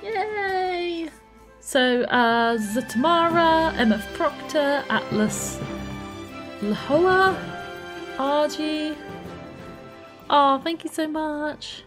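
A woman's voice: high voice, animated, drawn-out words, long pauses, over music. A woman streaming a life-simulation game, chatting casually and gushing thanks to her viewers. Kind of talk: casual gameplay live stream chat.

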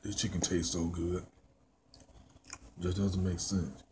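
In a casual food review shot indoors on a handheld phone at arm's length, a Memphis-born, Mississippi-raised vlogger in his thirties rambles and repeats himself between bites. His Southern-accented voice sits low, with little pitch movement, and he takes it slowly. The background is noisy.

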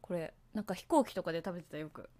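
On her casual livestream, this woman chats with viewers in a rambling way, often laughing at herself and humming or singing along to songs between topics. Her voice is lowish and warm, and she speaks at a quick pace.

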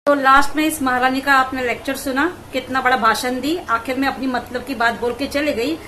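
A woman vlogger giving mocking, scolding commentary on clips in rapid rants. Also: high-pitched, fairly even intonation, bright, forceful tone, a little hiss or hum, poor audio.

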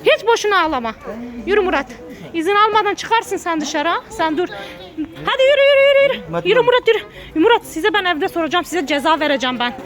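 A woman in her thirties, a mother scolding her children and repeating quick commands in a family vlog. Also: very high voice, lively intonation, a bit bright.

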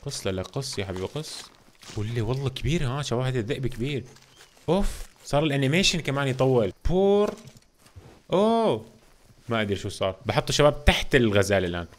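A young man commentating his gameplay for viewers, reacting loudly and excitedly to what happens on screen. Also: mid-range voice, rapid-fire, slight background noise. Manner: reacts loudly to game events, addresses viewers as "guys". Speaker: gaming channel host. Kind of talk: excitable let's-play commentary.

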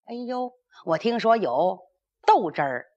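A woman storyteller voicing a nervous, nosy male spy posing as an officer, gravelly and dramatic. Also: mid-range voice, sing-song, unhurried, darkish tone, muffled recording. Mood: curious. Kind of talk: storytelling character dialogue.

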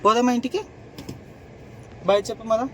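Young woman, gentle coaxing mother, repeats herself, outdoors, loud traffic noise behind. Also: on the high side, fairly even intonation, moderate pace, poor audio. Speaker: mother talking to her toddler. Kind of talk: casual home video chat.

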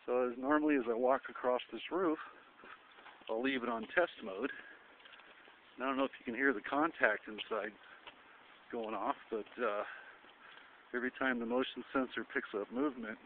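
A man's voice: mid-range voice, moderate pace, creaky, long pauses. A man walking a rooftop at night, casually showing off security lights with lots of fillers and restarts. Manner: rambling, many fillers and restarts. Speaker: electrician demonstrating security lights. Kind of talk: casual walkthrough demo. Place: outdoors on a commercial rooftop at night. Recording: tinny lo-fi camera audio, noisy.

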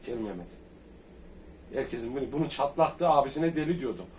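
A man's voice: mid-range voice, animated, a little fast, a little mellow. A man telling rowdy childhood school stories in casual chat with friends, laughing often and acting out the old exchanges. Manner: boisterous storyteller, laughs often. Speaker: comedian recalling school days. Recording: distant mic, faint background noise.

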